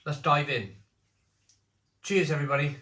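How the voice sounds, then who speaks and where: A British man with a chesty cough gives a casual, halting review, often repeating phrases as he muses. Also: a little high, sharp tone. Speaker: beer reviewer. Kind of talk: casual spoken review to camera. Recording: echoey room.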